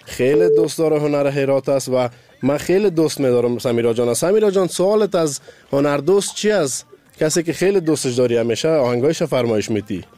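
A man's voice: fairly high pitch, warm tone, no echo. A man hosting a radio call-in show, effusive and affectionate toward callers. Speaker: radio host.

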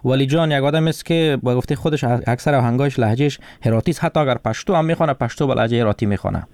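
A man hosting a radio call-in show, greeting callers and teasing them in a friendly, brisk way. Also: mid-range voice, darkish tone, dry recording. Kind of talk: casual on-air chat with callers.

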